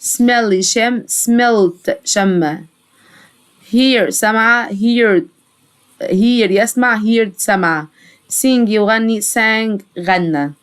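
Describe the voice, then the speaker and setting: A woman with an Egyptian Arabic accent teaching English vocabulary to children, repeating each word slowly several times. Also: fairly high pitch, smooth.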